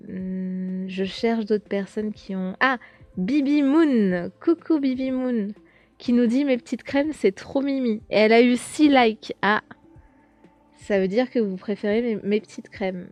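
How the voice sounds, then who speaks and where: A woman's voice: medium pitch, a little mellow. A young woman hosting a podcast, chatting casually as she reads out viewer comments, with lots of fillers and restarts. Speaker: podcast host.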